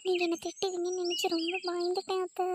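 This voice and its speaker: A woman voicing a shy, anxious young wife who speaks softly and pleadingly. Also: very high voice, completely flat delivery, fast, background noise, voice pushed up. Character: timid young pregnant wife, sweet and anxious. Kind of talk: family comedy skit acting.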